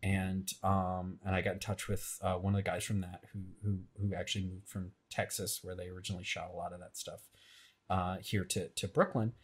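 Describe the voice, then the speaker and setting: A man's voice: low voice, level tone, fairly quick, husky. A man, a filmmaker guest, talking in a casual interview, often hesitating and repeating words. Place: radio show studio.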